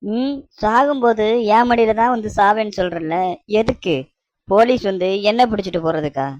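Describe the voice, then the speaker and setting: A woman's voice: mid-range voice, moderate pace, a little mellow, dry recording, close to an everyday voice. A woman voicing a bewildered, grumbling young husband in a cartoon, complaining sarcastically. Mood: exasperated. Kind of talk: cartoon voice acting.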